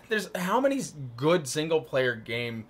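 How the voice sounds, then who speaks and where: A man co-hosting a casual gaming podcast. His pitch swings widely as he voices frustrated opinions. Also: very animated, unhurried. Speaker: podcast co-host. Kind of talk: casual gaming news chat.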